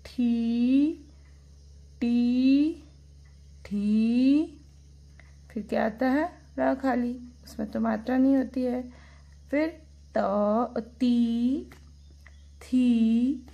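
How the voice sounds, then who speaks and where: Woman kindergarten teacher, high voice, slow deliberate pace, drawn-out syllables. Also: vocal fry, warm tone, low-quality recording. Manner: slow, drawn-out syllables, repeating sounds for children to copy. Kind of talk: online class lesson for young children.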